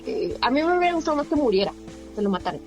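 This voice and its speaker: A woman's voice: high voice, very animated, rapid-fire, music in the background, poor audio. A woman co-hosting a casual film discussion podcast, thinking aloud with fillers and tag questions. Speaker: podcast co-host.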